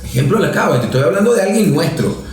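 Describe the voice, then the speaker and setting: This Venezuelan professor and politician in his fifties speaks quickly in a fairly high, sing-song voice. He lays out political history methodically, like a lecture, checking in with "no?" along the way. The room is very echoey.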